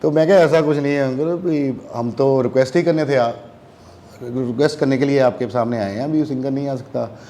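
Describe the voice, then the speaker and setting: A man's voice: medium pitch, fairly quick, a little hiss or hum. A young man telling a long story in a casual chat, acting out the voices of the people in it. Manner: animated, acts out voices in quotes. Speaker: guest musician.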